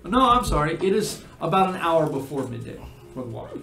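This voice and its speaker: A man with a fairly high voice narrates a tabletop game as its game master, stopping now and then to correct himself. The room around him is echoey, and music plays faintly behind his voice. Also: very animated, creaky, pushed and bright. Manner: slow descriptive narration with frequent self-corrections.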